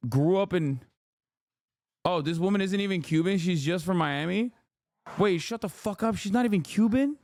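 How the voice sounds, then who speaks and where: A man's voice: on the high side, no room sound. A man hosting a livestream, reacting to clips in profane, incredulous rants. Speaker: livestream host. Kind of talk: casual streaming commentary.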